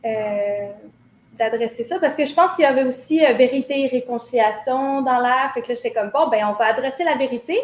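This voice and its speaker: Speaking briskly in a voice that sits high, a Québécois woman in her thirties from Quebec appears as an interview guest; she's a choreographer. She reflects hesitantly with many fillers and restarts, and the recording is roomy with faint noise.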